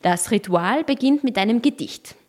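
A woman's voice: a little high, expressive, normal speed. Woman narrating an explainer. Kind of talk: scripted documentary narration.

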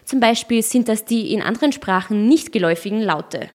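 A woman giving scripted documentary narration in a clear, explanatory and lightly playful way. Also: on the high side, animated, brisk, a little mellow.

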